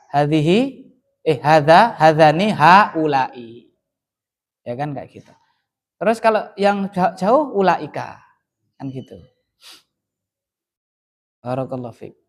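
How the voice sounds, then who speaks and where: A man teaching. His voice sits a little higher than most men's. He talks casually, checks in with his students again and again, and answers their questions. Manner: chatty, often adds "ya kan?" and "kayak gitu". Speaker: Arabic grammar teacher. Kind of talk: casual classroom lesson with Q&A.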